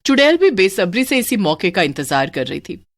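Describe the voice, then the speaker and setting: A woman narrating a scripted horror story in an expressive, animated voice. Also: mid-range voice, normal speed, dry recording.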